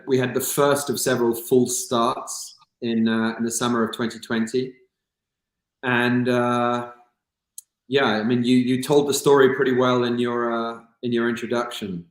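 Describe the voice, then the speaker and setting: A man's voice: mid-range voice, roomy sound. A man from England, a guest on a video call, talking casually with many fillers and restarts. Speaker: guest, kidney recipient. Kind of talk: casual interview chat.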